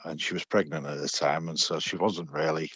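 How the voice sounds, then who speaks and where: A man's voice: a bass voice, fairly even intonation, brisk, fairly bright tone, husky, dry recording. A middle-aged man telling a personal story as a podcast guest, chatty and hesitant, with many fillers and restarts. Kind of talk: storytelling in a casual interview.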